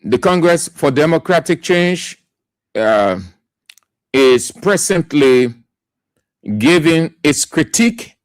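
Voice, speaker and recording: Emphatic Liberian radio host, lively pitch. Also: male voice, takes it slowly, long pauses, no room sound. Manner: emphatic, repeats key words for stress. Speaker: radio talk show host. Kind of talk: political commentary.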